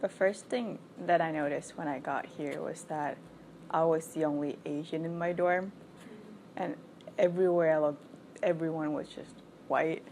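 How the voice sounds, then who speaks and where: Woman, 20s, from Thailand, low-ish pitch, mellow tone, frank, chatty interview answers. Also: steady tone, normal speed, creaky, a little hiss or hum. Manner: frank and chatty, with frequent "like" fillers. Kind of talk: candid casual interview answers.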